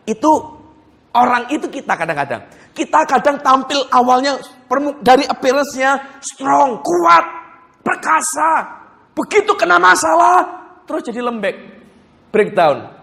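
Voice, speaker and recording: A male pastor preaching a sermon in a lively, conversational storytelling manner, often chuckling as he talks. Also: very high voice, a little slow, vocal fry.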